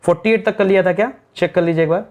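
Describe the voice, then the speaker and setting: A man's voice: sits high, fairly even intonation, very fast, darkish tone. A man teaching Hindi spelling, who keeps asking his students what is correct, then answers himself. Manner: repeats questions to students, calling them "friends"; clears throat now and then. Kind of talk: spelling lesson at a board.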